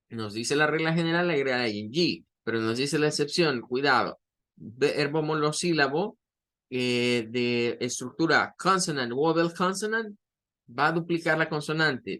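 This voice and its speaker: A man teaching English grammar in a patient, explanatory lecture, repeating example words slowly. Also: mid-range voice, pushed and bright.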